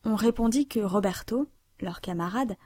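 A woman narrating a classic novel aloud in a measured, even reading style. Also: medium pitch, dry recording. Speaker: audiobook narrator.

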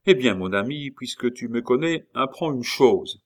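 A man's voice: medium pitch, expressive, moderate pace, pitched above the performer's own voice, natural voice. A man voicing an impatient, sarcastic male envoy in an audiobook, raising his voice above his narration. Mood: exasperated. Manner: sarcastic, exasperated. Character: impatient sharp-tongued male royal jester-envoy. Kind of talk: audiobook character reading.

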